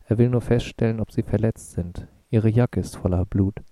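A man voicing a calm, reassuring male helper who speaks soothingly, in an audiobook. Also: lowish voice, normal speed, no echo, natural voice.

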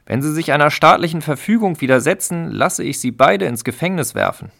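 A man's voice: mid-range voice, normal speed, fairly bright tone, pitched above the performer's own voice, natural voice. A man voicing a pompous sparrow official who speaks in a commanding, bureaucratic tone. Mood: threatening. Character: pompous official bird, state sparrow boss.

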